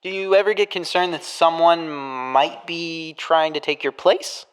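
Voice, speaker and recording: A man's voice: a little high, fairly even intonation, a little slow, clear, resonant tone, close to an everyday voice. A man reading the part of a formal prison interviewer in a murder mystery game, sticking to scripted questions. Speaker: podcast host.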